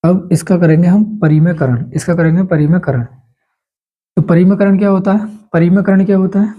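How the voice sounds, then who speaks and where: A man's voice: high-pitched, little pitch movement, a little fast, dull audio. A man teaching a school maths lesson step by step, patiently repeating the key steps.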